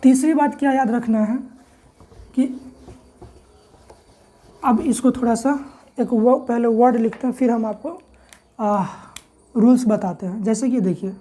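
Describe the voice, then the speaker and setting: A woman with a rather high, mellow voice teaches English pronunciation in a classroom-style lesson. She spells words out slowly, letter by letter, and asks her own questions before answering them.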